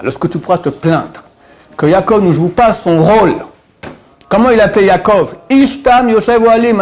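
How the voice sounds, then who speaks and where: Animated man teaching a Torah lesson. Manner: animated, swinging from low murmurs to high exclamations, quizzes listeners. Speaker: rabbi.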